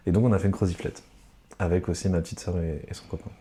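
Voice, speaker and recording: A man's voice: low-pitched, steady tone, fast, warm tone. A man in his thirties chatting casually as a co-host, playful and teasing, laughing often. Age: 30s. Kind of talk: casual chat.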